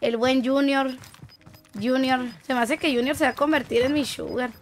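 A woman's voice: sits high, fairly even intonation, normal speed. A young woman from Tijuana, chatting casually and full of slang while she plays a game on stream and reads chat aloud. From Tijuana, Mexico.

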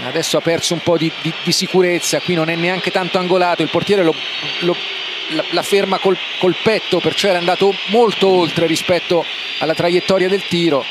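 Italian man, football co-commentator, high pitch, explanatory live analysis, repeated words, noisy stadium broadcast. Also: fairly even intonation, a little fast.

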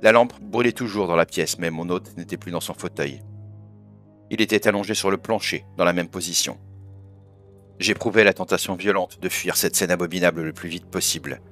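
A man reading a horror story aloud in a measured, solemn way. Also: low voice, a bit bright, soft background music. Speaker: audiobook narrator.

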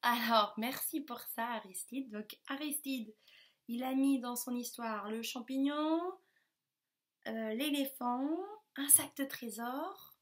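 A woman teacher speaks to young children at a very unhurried pace, her voice pitched a touch high. She sounds out syllables one by one and keeps each step simple. She encourages the children often throughout the lesson. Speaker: primary school teacher. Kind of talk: remote phonics and maths lesson for young children.

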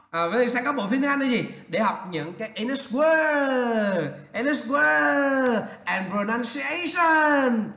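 A male English teacher correcting students' writing aloud, animated and teasing as he points out errors. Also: high-pitched, reverberant.

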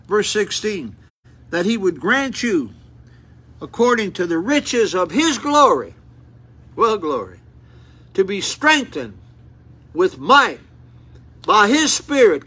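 Eighty-year-old male preacher, seated, high bright voice with a husky edge, fervent delivery. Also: big pitch swings, slow, long pauses. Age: 80s. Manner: fervent, rising to exclamations, repeats words and restarts. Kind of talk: seated sermon, reading and expounding scripture. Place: small indoor room with curtains, seated. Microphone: phone camera at close range.

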